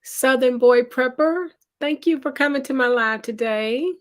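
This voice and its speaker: Woman host, slightly high voice, slow easy delivery, friendly live-chat greeter. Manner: greets viewers by name, reads chat aloud; unhurried, conversational. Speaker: livestream host. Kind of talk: casual live-stream chat.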